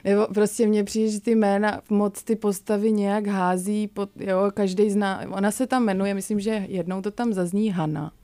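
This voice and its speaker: A woman author, a guest in a radio studio, reading aloud calmly from her own book on a studio mic. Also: mid-range voice, hardly any pauses, no echo.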